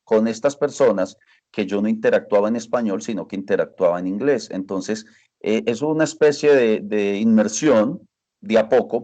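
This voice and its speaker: A man's voice: lowish voice, mellow, highs cut off. A man answering interview questions as a language teacher, earnest and repeating phrases for emphasis.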